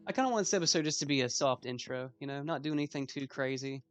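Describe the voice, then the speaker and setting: A man's voice: medium pitch, fast, a bit bright, clear, resonant tone, faint music behind. A 21-year-old man giving casual gameplay commentary as a let's play host, rambling with self-mocking asides.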